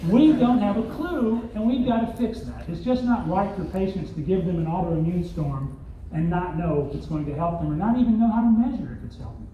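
Expressive and brisk, an older Arkansas man with a Southern accent gives a keynote in a high, dark-toned voice, mixing rhetorical questions with wry asides. The recording, made by a phone camera far out in the audience of a large hotel hall, is distant, echoey, dull, and slightly hissy.

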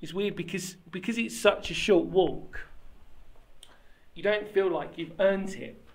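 Filming himself at arm's length on a handheld camera, a man in his thirties with a slightly higher voice wanders through a sandstone cave and the woods around it. This history explorer vlogger rambles warmly and enthusiastically about the place, breaking off mid-thought to correct himself, clearly thrilled to be there. His intonation stays fairly even and his pace unhurried.

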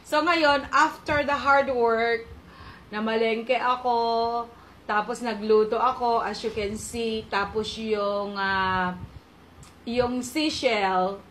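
A woman's voice: a little high, fairly even intonation, takes it slowly, a bit bright, a little hiss or hum, rough recording. A woman with a Filipino accent chatting casually in her home mukbang vlog, mixing in Tagalog and laughing often. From Philippines. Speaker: vlogger.

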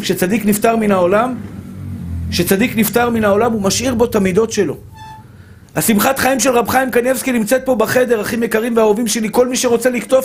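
A rabbi with a notably high voice preaches to a room of listeners. He drives home each point by saying it again and again, and he keeps warmly calling the listeners his dear brothers. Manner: emphatic, repetitive, addresses listeners as dear brothers. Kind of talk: Torah lesson to a live audience.

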